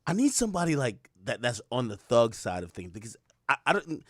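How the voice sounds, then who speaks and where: A Jamaican man hosts a livestream, interviewing guests by call and chatting casually in hip-hop slang. His medium-pitched, bright voice is very animated and a little fast, and he rambles, repeats himself, and often stammers mid-thought as he circles back. The studio-quality sound has no room echo.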